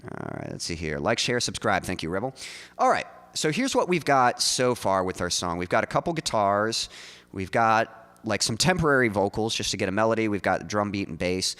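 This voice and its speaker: A man with a somewhat low voice chats casually on a livestream, rambling a little with plenty of "like" and "um". He speaks into a studio mic just in front of his mouth, and a long reverb tail trails after his words. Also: very animated, normal speed, a bit bright. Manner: loose and chatty, full of likes and ums. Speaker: streamer and songwriter.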